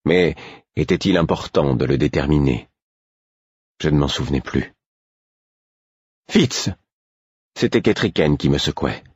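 Low, husky male narrator, measured storytelling, dull dry audiobook sound. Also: a little mellow, no room sound. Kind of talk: first-person novel narration.

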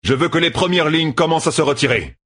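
A man's voice: lowish voice, big pitch swings, normal speed, fairly bright tone, husky, pitched above the performer's own voice, full character voice. A man voicing a stern male army commander who gives clipped, urgent orders in a raised, commanding voice.

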